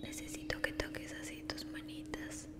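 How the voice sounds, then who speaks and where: In a whispered ASMR role-play, a woman with a high-sitting voice and completely flat delivery guides the listener slowly. She's soothing and encouraging, using caring, affectionate wording and diminutives.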